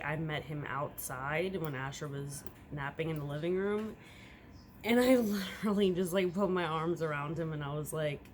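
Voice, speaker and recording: A young new mother speaks in a low voice during a casual vlog at home, talking candidly and rambling a bit as she swings between quiet and loud. There's slight background noise.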